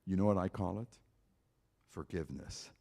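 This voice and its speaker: Male pianist giving church testimony; low, warm, emphatic, repetitive appeals. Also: moderate pace, vocal fry. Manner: preaching, emphatic repetition, direct appeals to listeners. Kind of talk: evangelistic talk at a church concert.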